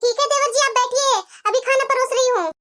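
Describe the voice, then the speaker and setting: A woman's voice: very high voice, brisk, bright, forceful tone. A woman voicing a patient, soothing young mother and daughter-in-law in a cartoon. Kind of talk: Hindi cartoon voice acting.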